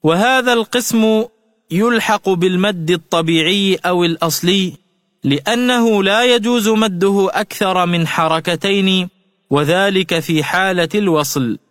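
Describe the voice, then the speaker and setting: A man with a high voice gives a tajweed lesson for radio, explaining each rule in a measured way and drawing out the example words as he chants them. His voice is close and dry, with a long reverb tail behind it. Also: fairly bright tone. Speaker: Quran recitation teacher.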